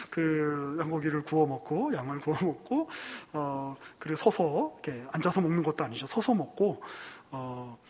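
A man's voice: high-pitched, slightly rough, in a large hall. A male pastor preaching a sermon, telling the story with acted quotes and light asides to the congregation.

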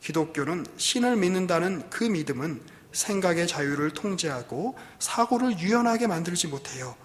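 A man's voice: high voice, expressive, normal speed, voice pushed up. A man voicing a frustrated thirty-year-old pastor's daughter, pleading and resentful, in a reverberant hall. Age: 30s.

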